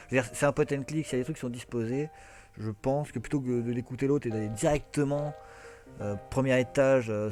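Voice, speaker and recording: A man's voice: mid-range voice, darkish tone. A man casually commentating on an adventure game he is playing, rambling and jokey with many fillers. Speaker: let's play host. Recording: voice over faint game music.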